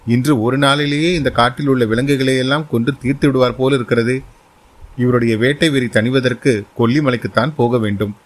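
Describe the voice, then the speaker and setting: A man's voice: medium pitch, fairly even intonation, fairly quick, natural voice. A man voicing a nervous young nobleman who urgently pleads and warns of danger in a spoken story. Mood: weary.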